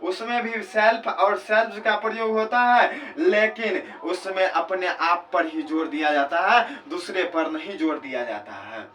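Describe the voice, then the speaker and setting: Guy teaching a grammar class, asks stuff then answers it himself, kinda high voice, mic far off. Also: a bit bright. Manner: explains step by step, asks questions and answers them himself; reads English sentences slowly and deliberately. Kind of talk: classroom lesson in Hindi with English examples.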